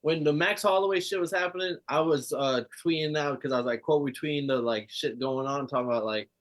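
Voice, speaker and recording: A man hosting a casual sports podcast, talking excitedly and rambling, swearing freely. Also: on the high side, brisk. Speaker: podcast host.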